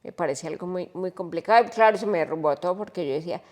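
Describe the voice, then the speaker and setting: A woman, a podcast guest telling a personal story in an animated, emotional way. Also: lowish voice, rapid-fire, big-room sound.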